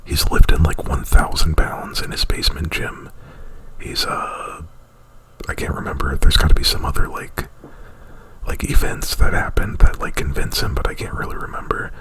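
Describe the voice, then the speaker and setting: Close to the mic, a man does casual ASMR, whispering breathily as he loosely retells a story, peppering it with "like" and profanity. He has a bass voice with flat delivery at a normal speed, and the audio quality is poor.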